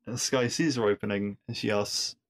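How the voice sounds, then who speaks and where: A man hosts a podcast reviewing episodes, casually recapping a TV episode in a steady, lowish voice at a moderate pace. He's chatty, with wry asides, and often restarts, repeating words while he thinks.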